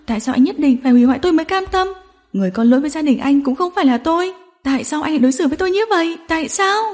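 A woman voicing a hysterical, spiteful young woman in an audiobook drama, shrill and mocking. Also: expressive, brisk, dark tone, lightly acted. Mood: screaming.

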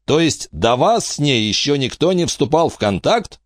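A man voicing a nervous, dog-faced male gang boss who talks high and jumpy. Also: sing-song, moderate pace, no room sound, studio quality. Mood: wary. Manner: high, jittery and shouting.

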